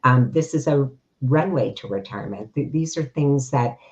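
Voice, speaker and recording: A woman retirement coach giving earnest, steady interview answers. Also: a bass voice, normal speed. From United States. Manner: earnest, steady, uses fillers. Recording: slightly dull, lo-fi.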